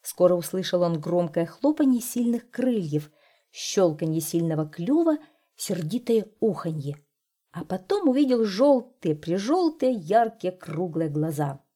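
A woman narrating a children's fairy tale in a gentle, expressive way. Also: fairly low pitch, unhurried. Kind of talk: storybook narration.

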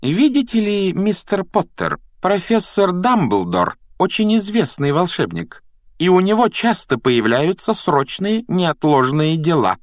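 A man voicing a strict older woman professor in a storybook reading, speaking in a cold, clipped, measured way. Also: mid-range voice, very animated, no room sound, studio quality, pitched above the performer's own voice, lightly acted. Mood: stern, cold.

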